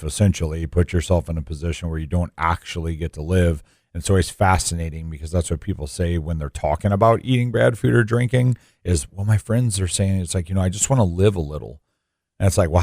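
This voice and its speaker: Low-voiced man hosting talk radio. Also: a little mellow, no echo, clean studio sound. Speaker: radio show co-host. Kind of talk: conversational radio talk with personal asides.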